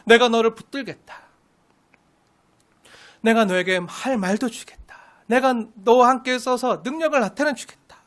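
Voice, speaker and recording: A patient, gentle God speaking in a soft and reassuring way, as a woman preacher voices him. The voice stays high and quiet, much like her own. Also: normal speed, long pauses, natural voice. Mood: tender.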